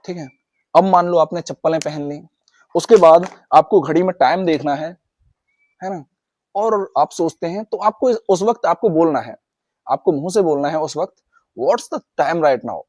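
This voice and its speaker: Male teacher, slightly high voice, drills phrases slowly, dry close recording. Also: a little mellow, dry recording. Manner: repeats phrases slowly for practice, addresses viewers as guys. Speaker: English teacher. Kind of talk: spoken lesson.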